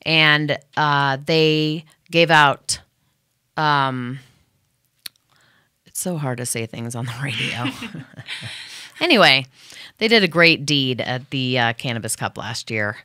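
A woman's voice: very deep voice, slow, long pauses, sharp tone, smooth, no echo, studio quality. A woman radio host thanking her sponsors in a loose, rambling chat full of fillers and restarts. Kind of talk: casual thank-you to sponsors.

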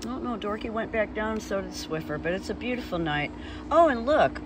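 A woman's voice: medium pitch, animated, heavy background noise. A woman talking casually while grilling outdoors, filming on her phone with rambling asides. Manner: chatty, unhurried, rambling asides. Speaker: home cook filming herself. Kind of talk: casual cooking vlog. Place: outdoor deck by a lake. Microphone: phone held in hand.

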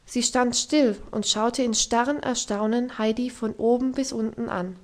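A woman reading a classic novel aloud as audiobook narrator, with a steady storytelling delivery. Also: fairly high pitch, measured pace. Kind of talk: scripted narration.

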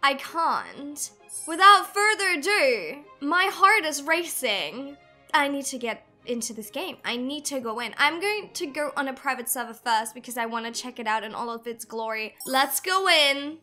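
High, bubbly, excitable young woman. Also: moderate pace, soft background music. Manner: gushing, excitable, emotional. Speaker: gaming video creator. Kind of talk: gameplay commentary.

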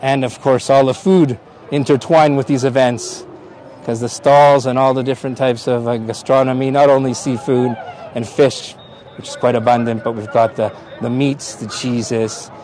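A middle-aged tour guide speaking with a Canadian accent banters on a live stream from an outdoor hilltop park, greeting viewers by name and laughing often. His voice is mid-range, steady, moderately paced, and darkish in tone. The arm's-length phone on a gimbal picks up a little hiss or hum.

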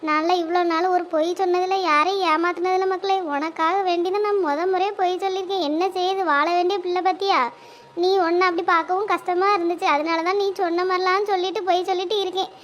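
A woman's voice: very high-pitched, fairly even intonation, quick pace, a bit bright. A woman voicing a fretful, kind older village woman in a cartoon, speaking in a worried, scolding, motherly manner. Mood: anxious. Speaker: cartoon character. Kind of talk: cartoon voice acting.

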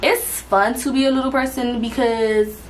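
Chatty young woman vlogging, slightly high. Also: steady tone, normal speed, a little hiss or hum, poor audio. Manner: chatty, rambling, with frequent restarts and fillers. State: out of breath. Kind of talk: casual talk to camera.

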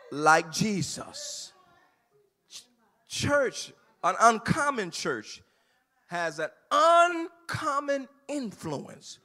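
A man preaching a sermon as pastor in a church sanctuary, moving from calm teaching to shouted, sing-song delivery. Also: extremely high pitch.

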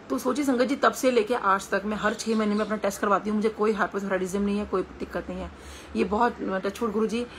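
A woman's voice: medium pitch, a bit bright, slight background noise. A middle-aged woman with an Indian Hindi accent, giving a devotional satsang talk full of personal stories, speaking earnestly with conversational hesitations.

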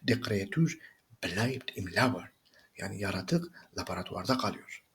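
Man reading German slowly, translating briskly. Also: fairly low pitch, animated, vocal fry. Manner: reads German slowly, then translates in quick conversational asides. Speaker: German teacher. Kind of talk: reading a German reader aloud and translating line by line.

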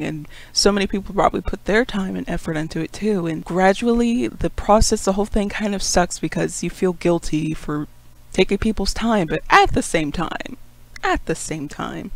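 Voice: mid-range voice, gravelly, low-quality recording. A webcomic creator in a casual, rambling vlog monologue, self-critical and laughing often. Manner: calls own rising talk a puppet voice.

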